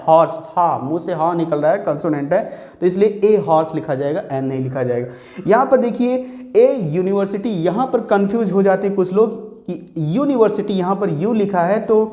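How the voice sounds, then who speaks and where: A male teacher walks through a grammar lesson step by step, repeating points and answering his own questions. His voice sounds dark and mellow. The room around him echoes. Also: high-pitched. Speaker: English teacher.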